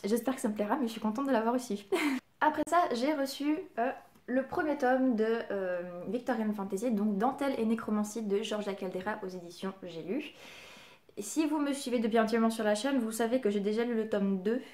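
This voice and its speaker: A woman's voice: a little high, brisk, darkish tone. Chatty woman presenting her book haul. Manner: chatty, frequent hesitations and fillers; enthusiastic, giggly. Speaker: book vlogger. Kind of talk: casual book haul chat.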